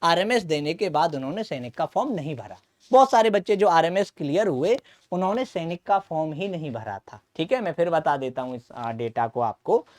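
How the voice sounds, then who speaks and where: A man teaching as a coaching instructor, explaining at length, often checking in with the listener and pausing with "uh". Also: a little high, animated, darkish tone. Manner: keeps checking in with "okay", frequent "uh" pauses. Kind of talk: explanatory lecture to students.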